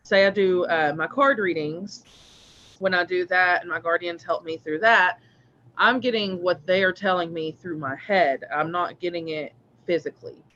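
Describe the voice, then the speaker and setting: A man's voice: high-pitched, moderate pace, pushed and bright. A man hosting a live spiritual reading stream, rambling casually with many fillers and restarts. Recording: dull lo-fi stream audio.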